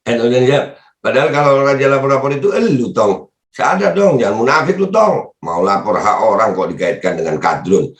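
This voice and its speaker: A man giving casual, mocking commentary while he reads out comments. His voice leaps up high when he teases, and he laughs often. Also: normal speed, echoey room. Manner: mocking, laughs often, pitch jumps up sharply. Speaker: political commentary vlogger reading comments. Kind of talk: casual Jakarta-slang commentary.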